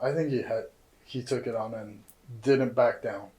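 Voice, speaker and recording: A man's voice: medium pitch, darkish tone, low-quality recording. A man co-hosting a podcast, joking around and pressing his co-host with pointed questions. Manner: teasing, joking, quick to push back. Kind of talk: casual podcast chat.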